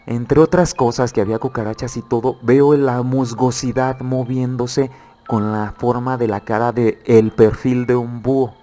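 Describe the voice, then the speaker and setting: Man, channel host, personal scare story, stumbling delivery, mid pitch. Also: steady tone, dark tone. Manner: halting, with frequent repeated words and restarts.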